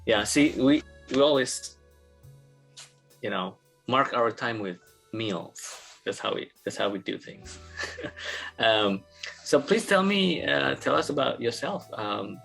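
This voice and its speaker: A man's voice: on the low side, animated, slow pace, creaky, a bit bright, faint music behind, low-quality recording. A man hosting a casual interview, friendly, laughing often and repeating himself as he talks. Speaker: interview host.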